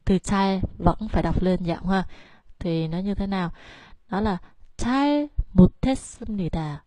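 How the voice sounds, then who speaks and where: A woman's voice: on the low side, steady tone, moderate pace, mellow, no room sound. A woman whose first language is Vietnamese, giving a spoken lesson on Korean intonation and patiently explaining before reading example words aloud.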